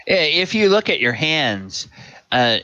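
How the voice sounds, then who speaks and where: A man casually narrating a tabletop game as game master, explaining things in a halting way. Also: a little high, sing-song, bright, forceful tone, no echo, muffled recording.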